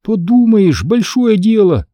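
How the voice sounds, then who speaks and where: A man's voice: sits high, very animated, slow pace, mellow, dry recording, studio quality, voice pushed up, exaggerated voice. A man reading an audiobook, voicing a bold, bossy girl who talks dismissively and impatiently. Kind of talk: audiobook character voice.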